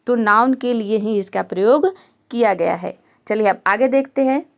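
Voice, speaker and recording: A woman teaching English grammar step by step, patiently asking questions and answering them herself. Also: fairly high pitch.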